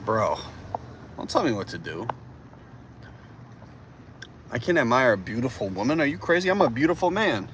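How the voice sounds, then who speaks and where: A livestreamer in his twenties drives through a city while chatting casually, rambling and animated, saying "bro" a lot. His mid-range voice moves at normal speed with long pauses, over a faint hiss or hum.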